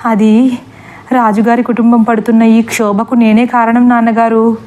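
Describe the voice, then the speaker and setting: A woman's voice: on the high side, flat delivery, normal speed, darkish tone, muffled recording, close to an everyday voice. Woman voicing a tearful guilty young son. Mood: pleading. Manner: tearful, pleading.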